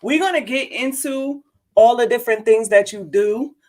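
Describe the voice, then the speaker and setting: A woman's voice: fairly high pitch, moderate pace, a little mellow. A woman hosting a podcast, chatting casually and upbeat with a guest. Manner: upbeat, chatty, laughs easily. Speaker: podcast host. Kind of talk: casual interview chat.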